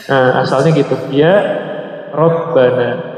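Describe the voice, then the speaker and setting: A man's voice: medium pitch, fairly even intonation, darkish tone. Man teaching in an echoing mosque. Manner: quizzes listeners, repeats words slowly. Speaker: Islamic teacher. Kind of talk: classroom Arabic grammar lesson. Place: mosque hall. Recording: echoey hall with long reverb.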